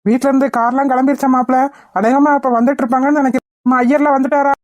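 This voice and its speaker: A woman's voice: sits high, level tone, very fast, darkish tone, dry recording. Woman voicing cartoon family banter. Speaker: cartoon voice-over artist. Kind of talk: cartoon voice acting.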